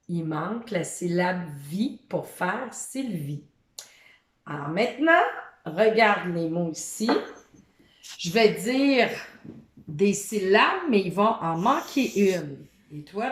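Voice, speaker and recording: Slow, patient woman teaching young children. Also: medium pitch. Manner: talks directly to a child, drawing out syllables slowly. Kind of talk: syllable lesson for young children. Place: her living room. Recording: roomy echo of a home room.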